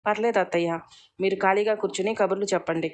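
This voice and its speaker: A woman's voice: mid-range voice, steady tone, quick pace, close to an everyday voice. A woman voicing a caring young mother and daughter-in-law who speaks politely and turns firm when scolding.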